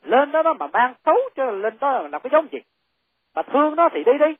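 A stubborn, angry old father, as a woman reader puts him on in a storybook, gruff and curt. His pitch leaps about freely, and the sound is thin and phone-like, a tinny lo-fi line. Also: big pitch swings, a little fast, no echo. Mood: scornful.

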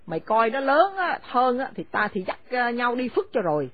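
A woman playing a shrill, furious old mother-in-law. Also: sing-song, normal speed, no echo. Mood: furious scolding. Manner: screaming insults, shrill and scornful. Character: furious elderly mother-in-law, harsh and domineering. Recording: dry, phone-like narrow sound.

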